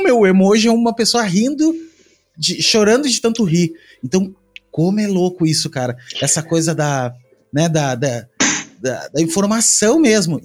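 A man chatting casually, rambling with slang, restarts and fillers. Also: high-pitched. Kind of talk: casual chat.

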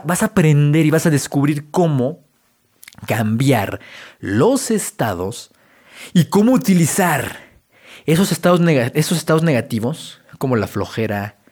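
A man's voice: a little high, a little mellow. A man with a Mexican Spanish accent hosting a self-help podcast, talking straight to the listener in a casual, direct monologue. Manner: direct, conversational, addresses listener as tú. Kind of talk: motivational monologue.

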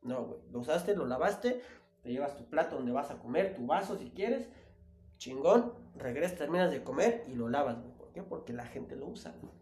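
A young Mexican man chatting casually with a friend, telling stories in a slangy, animated way. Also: mid-range voice, moderate pace, reverberant. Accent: Mexican Spanish. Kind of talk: casual chat between friends.

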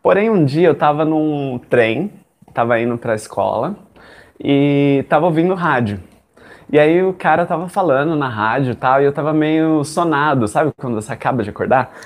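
A young Brazilian man teaches English in a relaxed, chatty way, speaking directly to his audience and acting out what he used to think. His voice is slightly high and his pace moderate.

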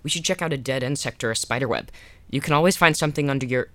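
Audio drama role: curious, caring young science-mad boy, notably low voice, earnest. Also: quick pace, a little hiss or hum. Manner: earnest, inquisitive. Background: music.

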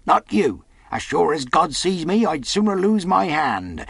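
A man doing a hoarse, shaking honest sailor. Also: fairly high pitch, big pitch swings, unhurried, fairly bright tone, no echo, studio quality, pitched above the performer's own voice, heavily acted. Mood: pleading. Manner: earnest, pleading then defiant. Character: honest, hoarse young male sailor, brave.

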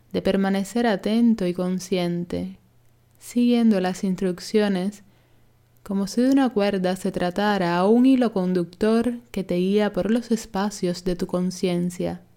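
Calm, soothing guidance comes from a female yoga instructor leading a relaxation meditation with gentle instructions. Her voice sits at a medium pitch.

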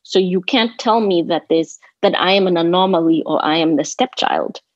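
A Kenyan woman who grew up in Nairobi speaks as an interview guest; she's a landscape designer, reflective and thoughtful, often repeating words for emphasis. Her voice sits lowish and moves at a normal speed. The recording sounds roomy, slightly dull and lo-fi.

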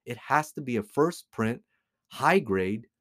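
A middle-aged American man hosts a podcast, offering informal, opinionated commentary and repeating phrases emphatically for stress; he's a collectibles dealer from the United States. His mid-range voice is expressive, unhurried and slightly bright. The recording is clean studio sound with no room tone.

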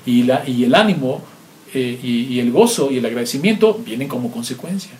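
A man's voice: medium pitch, expressive, fairly quick, darkish tone, a little hiss or hum. A man, a pastor delivering a sermon full of rhetorical questions and acted-out everyday examples.

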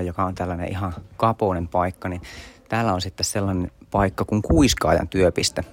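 Chatty man guiding a tour. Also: low voice. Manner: chatty, guiding listeners through spaces. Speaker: podcast host. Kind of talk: walking tour narration.

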